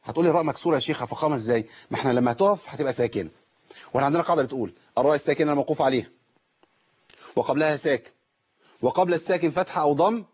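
Fast-talking Egyptian Quran teacher. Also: male voice, fairly high pitch, darkish tone, slightly rough, lo-fi sound. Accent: Egyptian Arabic. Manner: quick explanatory chatter with question-and-answer drills, slow melodic recitation. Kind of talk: tajweed lesson on a call-in broadcast.

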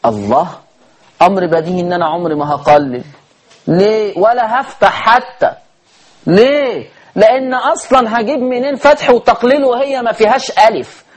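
A man with a high voice and an Egyptian Arabic accent teaches a tajweed lesson on Quran recitation. He poses rhetorical questions to his listeners and chants the verses slowly.

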